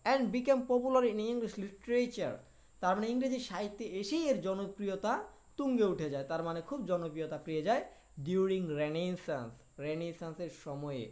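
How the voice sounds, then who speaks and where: A woman's voice: on the low side, a little mellow. Woman teaching a literature lesson. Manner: explains each point in Bengali after reading it in English; asks rhetorical questions and answers them herself. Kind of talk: video lecture.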